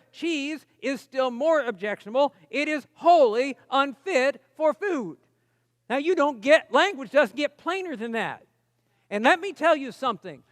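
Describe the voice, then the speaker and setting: A man's voice: extremely high pitch, pushed and bright, no echo, clean studio sound, long reverb tail. A man preaching a sermon at a camp meeting, talking in a conversational, emphatic way and putting questions to the audience. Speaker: pastor.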